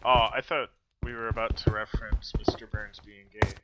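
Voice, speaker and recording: A man co-hosting a gaming podcast, tossing out goofy, deadpan quips in casual chat. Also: lowish voice, brisk. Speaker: podcast co-host.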